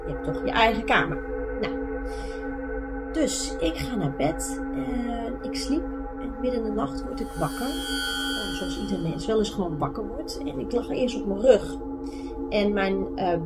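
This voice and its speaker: A young woman vlogger telling her own true ghost stories in a chatty way, full of fillers, sometimes dropping to a whisper and sometimes rising to excited shouts. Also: medium pitch. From Netherlands. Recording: music playing underneath.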